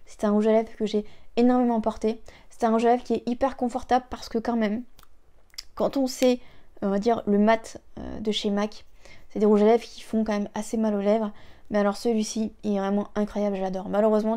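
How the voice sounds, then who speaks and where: A woman's voice: mid-range voice, flat delivery, a little fast, warm tone. A young woman reviewing her lipsticks at home in a chatty, hesitant way, full of fillers and restarts. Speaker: beauty vlogger. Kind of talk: casual makeup review. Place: home room with an open window.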